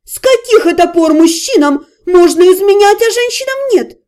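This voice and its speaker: Woman doing a shrill, brazen aunt. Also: lively intonation, moderate pace. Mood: shrill, demanding. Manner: loud, shrill, insistent. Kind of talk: audiobook character reading.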